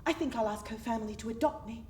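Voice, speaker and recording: A woman playing a romantic, dramatic, self-mocking teenage girl named Mary in a one-woman stage monologue, theatrical and swinging between giddy and hushed. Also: a little high, quick pace, far from the mic, lightly acted. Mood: dreamy. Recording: roomy stage sound from afar, music.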